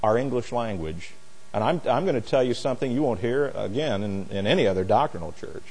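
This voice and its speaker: Poor audio carries a husky, darkish, medium-pitched male voice, animated and fairly quick. He's a pastor giving expository Bible teaching in a sermon, folksy, plain-spoken, emphatic and full of opinions.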